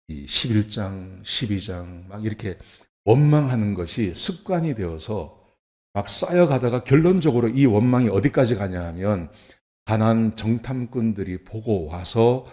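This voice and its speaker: A man preaching a sermon as pastor, talking conversationally with rhetorical questions and swinging from soft to emphatic. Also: on the low side. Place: church.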